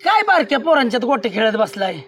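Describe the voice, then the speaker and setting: High-pitched scolding village man. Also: very animated, fast talker, a bit bright, slight background noise. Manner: scolding, matter-of-fact. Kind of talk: comic village skit.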